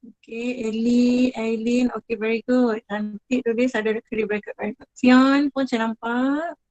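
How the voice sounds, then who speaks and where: A woman's voice: a little high, fairly even intonation, a little slow, a little mellow, dry recording, muffled recording. A woman teacher with a Malaysian Malay accent, running an online class, chatty and apologetic, praising her students one by one.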